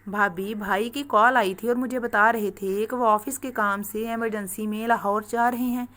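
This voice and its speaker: A woman voicing an eighteen-year-old brother-in-law who talks in a calm, matter-of-fact way. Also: a little high, moderate pace, natural voice.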